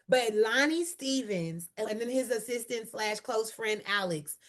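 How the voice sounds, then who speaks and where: Woman comedian, interview guest; bold, lively delivery, higher-than-average voice. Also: measured pace. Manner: bold, energetic, emotional at times. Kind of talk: animated interview storytelling.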